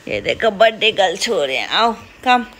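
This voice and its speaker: A woman's voice: mid-range voice, big pitch swings, normal speed, a bit bright, slight background noise. A woman in her thirties filming a casual family vlog, coaxing her child in sing-song baby talk as a mother. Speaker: vlogger, mother.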